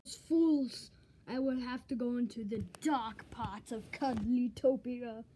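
A scheming little cartoon villain acted by a woman, pitched below the performer's usual voice and mellow in tone. He mutters and gloats to himself in homemade toy play. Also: measured pace, a little hiss or hum, lightly acted, rough recording. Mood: gloating. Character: scheming tiny male villain, gloating and grumbling.

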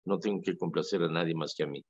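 Un sacerdote católico con acento mexicano que conversa en la radio, con un tono animado y enfático, como quien cuenta anécdotas. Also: male voice, low-pitched, fast, dry recording. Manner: animated, emphatic, storytelling. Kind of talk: casual radio talk. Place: radio studio. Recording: dry lo-fi radio audio.

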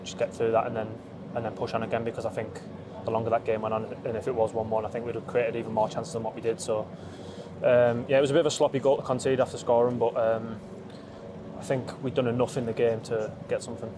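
Outdoors after a match, a twentysomething footballer speaks into a handheld phone held up near him in deserted stadium stands, with noise behind him. His mid-range voice moves little in pitch, his pace is quick, and he's hesitant, restarting often and saying "um" a lot.

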